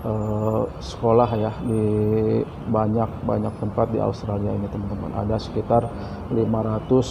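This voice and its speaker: A man casually introduces a video as a channel host. His voice is lowish and very flat, on a slightly dull, noisy recording. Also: moderate pace, vocal fry. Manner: repeatedly addresses viewers as friends. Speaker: YouTube host.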